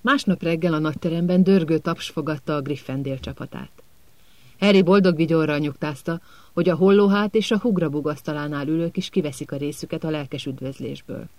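A man narrating an audiobook in a calm, measured storytelling manner. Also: fairly high pitch, no room sound.

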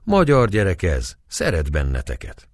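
A man reading aloud and voicing a kind young noblewoman who speaks gently and coaxingly. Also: low voice, huge pitch swings, dry recording, studio quality, exaggerated voice. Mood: gentle.

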